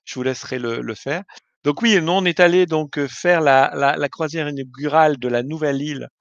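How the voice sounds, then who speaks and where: A man's voice: fairly high pitch, fairly quick, gravelly, dry recording. Hesitant man on a lo-fi call. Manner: hesitant, many fillers and restarts. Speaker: guest. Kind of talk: casual live-stream chat.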